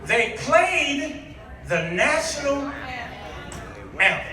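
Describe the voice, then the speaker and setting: With music playing underneath, a very high-pitched, sing-song man's voice stretches out his words. He's a middle-aged American guest preacher from Chicago, preaching nostalgically and theatrically to a congregation in a church hall, full of exclamations and rhetorical questions. A distant microphone picks up the echoey hall.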